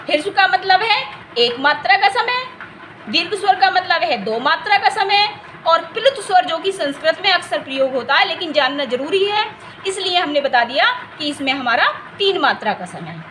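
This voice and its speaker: A woman teaches an exam-prep grammar lesson in a very high, bright voice. She explains step by step, repeating key terms and stopping often to ask if the class has followed. A faint background noise sits under the recording. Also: expressive, moderate pace. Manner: stretches vowels to demonstrate length.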